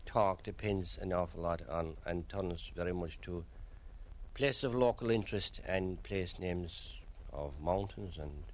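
A man with a Kerry Irish accent, answering interview questions as a local guide with measured, storytelling delivery. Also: sits low. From County Kerry, Ireland.

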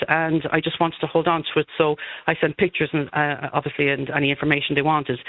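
A woman in her fifties with an Irish accent, casually recalling personal memories as an interview guest and often repeating phrases. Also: sits low. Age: 50s. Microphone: phone. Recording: thin, roomy phone-line sound.

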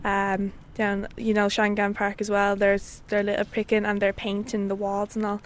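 Flat-toned Dublin woman. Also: medium pitch, normal speed, a little hiss or hum. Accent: Dublin Irish. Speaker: community volunteer, interviewee. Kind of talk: casual spoken interview.

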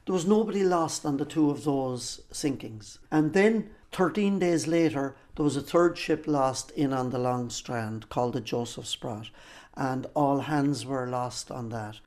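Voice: medium pitch, measured pace, a little mellow. Older Cork speaker, easy storytelling. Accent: Irish, Cork. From County Cork, Ireland. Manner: explains by listing and repeating phrases for emphasis. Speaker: interviewee and local lighthouse guide who grew up in a keeper's family. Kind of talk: conversational storytelling and guided reminiscence.

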